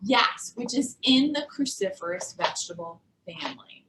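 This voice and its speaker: A woman nutrition coach talks through a cooking demo in a chatty way, often laughing and saying "like." Her pitch sits at a medium height. The sound echoes around the room. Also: animated, moderate pace, noisy background. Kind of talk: casual cooking demo chat.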